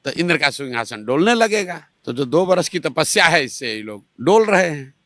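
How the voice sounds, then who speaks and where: A man's voice: a little high, very animated, moderate pace, fairly bright tone, no echo, studio quality. A man with a Bihari Hindi accent arguing politics in an interview, emphatic and rhetorical, acting out what others say in mock dialogue. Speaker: party spokesman interviewed. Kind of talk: animated political argument. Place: Patna, Bihar.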